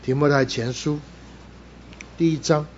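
A man's voice: fairly high pitch, steady tone, a little slow, a little mellow, dull audio, slight background noise. Fervent man praying and preaching. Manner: fervent, repetitive, rising intensity in prayer. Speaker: pastor. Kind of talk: prayer and sermon.

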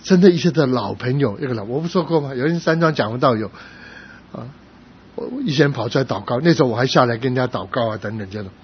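A middle-aged male pastor preaching a sermon, telling stories with sudden loud emphatic rises. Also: medium pitch, expressive, fast, breathy edge. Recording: slightly dull sound with faint noise.

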